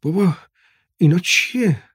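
A man's voice: sits high, lively intonation, fairly bright tone, slightly rough, dry recording, studio quality, voice pushed up, heavily acted. A man voicing a frightened, timid young boy who asks short, anxious questions in an audiobook.

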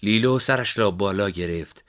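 A man narrating a story in a steady, measured way. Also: on the low side, clear, resonant tone.

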